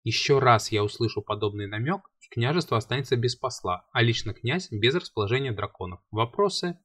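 A man's voice: medium pitch, animated, fairly quick, a bit bright, dry recording, studio quality. A man reading an audiobook, voicing a curt, commanding male dragon prince who cuts others off. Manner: curt, clipped.

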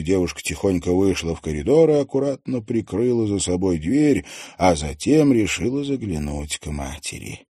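A male audiobook narrator reading in a lowered, hushed delivery with an animated melody. The recording is dry and close, with no room around the voice. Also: breathy edge, dry recording. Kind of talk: scripted narration.

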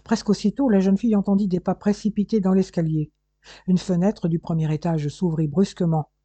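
Dark, husky audiobook narrator. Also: mid-range voice, steady tone, fairly quick, no echo. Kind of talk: reading a classic adventure novel aloud.

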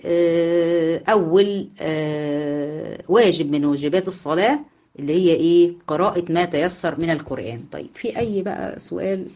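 This online lecture comes from a female Islamic jurisprudence teacher with an Egyptian Arabic accent, speaking at a normal pace in a lowish, somewhat mellow voice over dull audio. Questions to her students get answered by her own voice, and she keeps restating the essentials.

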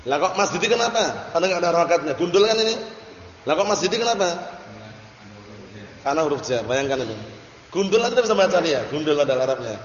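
A man's voice: fairly high pitch, expressive, fast, pauses often, slight background noise. Man, grammar teacher, drilling students, dull lo-fi recording, long hall reverb. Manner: questioning students, drilling answers. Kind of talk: classroom lesson.

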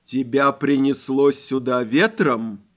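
A man voicing a huge, lonely cat-dragon in an audiobook, speaking slowly and deeply, with a hollow boom as if from inside a barrel. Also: steady tone. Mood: solemn. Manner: slow, deep, drawn-out speech. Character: huge lone cat-dragon, slow, calm, solemn. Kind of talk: audiobook character voice.

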